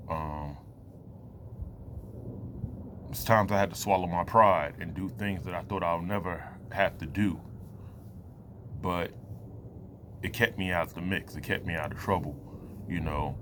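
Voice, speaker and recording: Man, late thirties, very low voice, loose halting vlog talk, lots of fillers. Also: background noise. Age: 30s. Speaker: vlogger. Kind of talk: reflective personal talk to camera.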